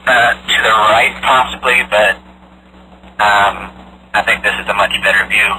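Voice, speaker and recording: A man's voice: lowish voice, fairly even intonation, measured pace, pushed and bright, a little hiss or hum, rough recording. A man heard through a phone speaker, giving short, hesitant camera directions in casual chat. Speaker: remote helper adjusting a camera. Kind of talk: casual instructions over the phone.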